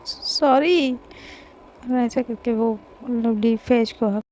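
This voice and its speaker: A woman's voice: on the high side, little pitch movement, drawn-out words, dark tone, slight background noise. A woman narrating a romance story in a casual, informal way. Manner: informal, plain linking narration.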